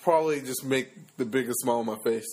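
A man's voice: medium pitch, quick pace, darkish tone, rough recording. Rambling, jokey man in casual chat.

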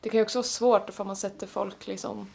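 A woman's voice: medium pitch, flat delivery, gravelly, a little mellow. A woman in casual chat, talking openly and acting out her own past thoughts with lots of fillers.

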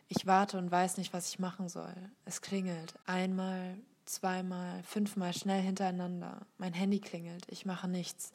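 A woman reading a personal essay aloud in a soft, measured voice that often drops to a whisper. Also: fairly low pitch. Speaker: reader of a guest text.

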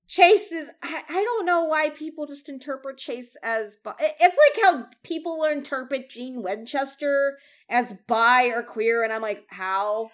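A woman co-hosting a podcast in casual chat, rambling and cutting herself off with quick asides. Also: sits high, a bit bright. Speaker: podcast co-host.

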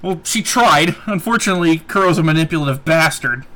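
High bright-voiced man, blunt and sweary. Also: lively intonation, a little fast. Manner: blunt, swears freely, reads from notes. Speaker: podcast co-host. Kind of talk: casual chat.

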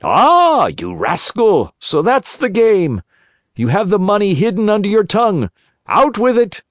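Gruff threatening robber, as a man reads him. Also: high-pitched, big pitch swings, slow, dry recording, studio quality, voice pushed up, full character voice. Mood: menacing. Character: two menacing male robbers, threatening.

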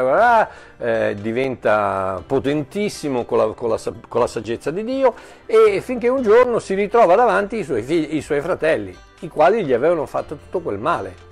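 A man preaching a sermon in an animated way, often repeating and restarting words, with jokey asides. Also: a little high, moderate pace, creaky, faint music behind.

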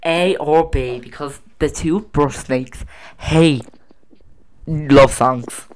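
Halting home-video quiz reader. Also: medium pitch, slight background noise. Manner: reads questions aloud haltingly, stumbling and restarting. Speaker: quiz host.

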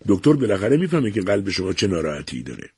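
A man's voice: low voice, big pitch swings, a little mellow, husky, dry recording, studio quality, exaggerated voice. A man doing a reassuring young son. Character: helpful young adult son.

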